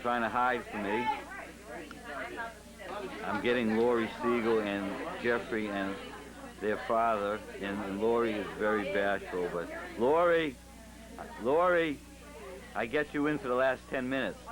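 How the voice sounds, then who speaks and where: A man's voice: lowish voice, unhurried, long pauses. A man behind a camcorder giving casual running commentary and coaxing guests to pose, on an old home video. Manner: coaxing, directing people to pose. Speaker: home video cameraman and narrator. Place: busy restaurant party, behind the camera. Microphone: camcorder microphone. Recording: old home video, noisy party chatter.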